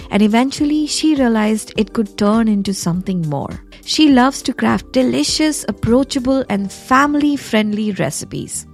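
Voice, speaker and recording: This podcast host is a woman whose voice sits on the high side with a gravelly texture. Recording from a closet, she banters effusively, alternating between a scripted introduction and casual, chatty interviewing.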